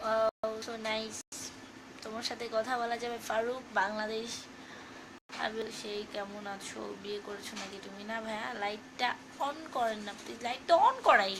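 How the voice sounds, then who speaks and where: A woman's voice: fairly high pitch, flat delivery, normal speed, background noise. A woman hosting a casual live stream, reading fan comments aloud in a chatty, teasing way and singing snatches of song. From Bangladesh.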